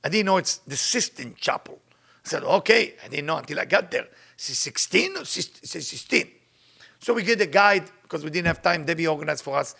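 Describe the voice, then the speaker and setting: This Kabbalah teacher, a man with an Israeli accent, gives a loose spiritual lesson full of stories and phrases repeated for emphasis. His voice is a little high, animated and gravelly, pushed, bright and slightly rough. Whenever he reads Hebrew text aloud, he races through it in rapid recitation.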